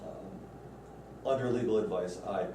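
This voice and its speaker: Guy on a town board, lowish voice, echoey, far from the mic. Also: slow pace. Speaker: board trustee. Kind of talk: meeting discussion. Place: indoor meeting room. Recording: echoey meeting room, distant mic, background noise.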